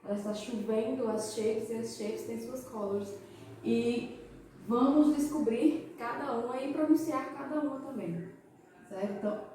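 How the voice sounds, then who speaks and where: A woman's voice: on the high side, dark tone. Brazilian woman teaching, echoey room. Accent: Brazilian Portuguese. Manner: slow, exaggerated pronunciation of English words; asks and answers her own questions to the viewers. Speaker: English teacher. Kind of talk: children's language lesson. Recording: echoey room, far from the mic.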